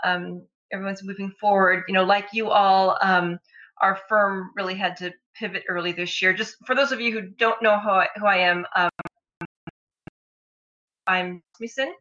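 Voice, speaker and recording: A woman's voice: medium pitch, fairly even intonation, moderate pace, sharp tone. A woman speaking at a remote meeting over a crackly phone line that cuts in and out, hesitant and full of ums. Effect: crackly phone line cutting in and out. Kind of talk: casual meeting introduction.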